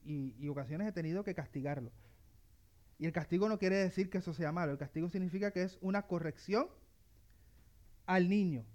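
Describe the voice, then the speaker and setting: A man preaching a sermon to his congregation, talking in a halting way with many fillers and restarts. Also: on the high side, darkish tone.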